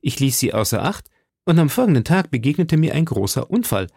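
A man's voice: fairly high pitch, very animated, brisk, creaky, darkish tone, slightly rough, no room sound, clean studio sound, pitched above the performer's own voice, exaggerated voice. A man voicing a bold young musketeer who speaks eagerly and commits at once, in a German audiobook reading. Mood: resolute.

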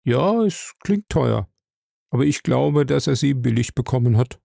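A man voicing a stout, composed office manager in an audiobook, measured and confiding. His voice is dark and a little gravelly, recorded close and dry. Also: mid-range voice, lively intonation, no room sound. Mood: calm. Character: calm, stout middle-aged office manager.

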